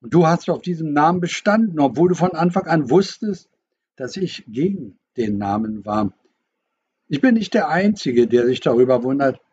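A man's voice: fairly high pitch, lively intonation, normal speed, darkish tone, dull audio, a little hiss or hum, close to an everyday voice. A man reading the part of a stern, suspicious middle-aged father, a doctor, accusing and bitter.

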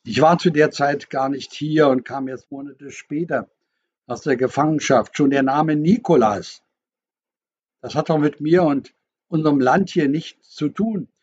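A stern, suspicious middle-aged father, read by a male narrator, insistent and bitter in every line. His voice is slightly husky and a little raised. The audiobook recording sounds dull and lo-fi. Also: a little high, a little slow, a little mellow. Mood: accusing.

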